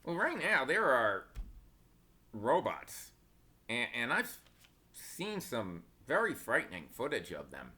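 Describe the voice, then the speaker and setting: A man's voice: medium pitch, huge pitch swings, takes it slowly, pauses often, sharp tone. A man giving casual stock market commentary, opinionated and sarcastic, wandering into asides.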